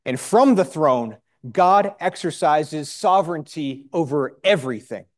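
A man preaching a sermon in short emphatic phrases, pausing for a live interpreter, with rhetorical questions. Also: on the high side, expressive.

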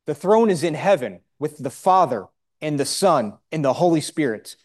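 A man preaching a sermon in short emphatic phrases, pausing for a live interpreter, with rhetorical questions. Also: on the high side, animated, a little mellow.

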